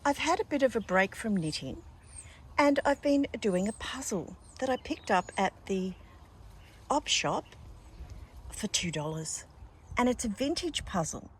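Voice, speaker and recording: An older Australian woman vlogs, chatting casually and effusively to her viewers and calling them darlings. Her mid-range voice is very animated, with a measured pace and frequent pauses, over a little hiss or hum.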